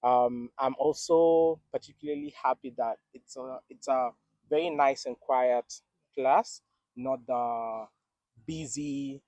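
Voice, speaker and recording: A man with a Kenyan accent, a doctoral student giving thoughtful, measured interview answers with many ums. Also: medium pitch, a little mellow, no echo.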